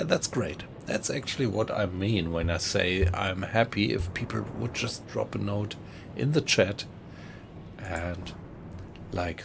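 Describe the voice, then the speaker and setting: A man's voice: on the low side, creaky, noisy background. A man with a German accent, casually commentating a live game stream and chatting with viewers. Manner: relaxed, chatty, greets viewers in chat.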